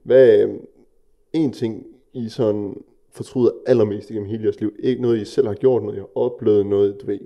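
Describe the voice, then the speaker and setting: A man hosting a podcast in a relaxed way, putting probing questions to his guests. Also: lowish voice, dull audio. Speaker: podcast host. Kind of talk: casual chat.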